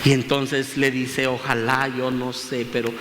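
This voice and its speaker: A man's voice: mid-range voice, level tone, unhurried, fairly bright tone. A man preaching a sermon in a church, speaking emphatically and repeating phrases as he addresses his listeners as brothers. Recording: long hall reverb, faint room noise.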